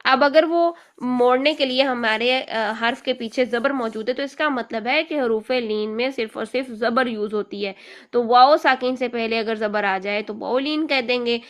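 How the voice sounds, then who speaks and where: A woman's voice: on the high side, fairly bright tone. A woman teaching a recitation lesson step by step, patiently repeating each point and checking in often.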